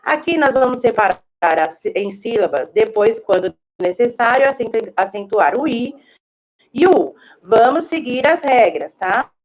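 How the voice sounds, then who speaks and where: A woman teacher, giving a remote classroom lesson and explaining slowly and patiently, often checking in with her class. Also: a little high, lively intonation, poor audio.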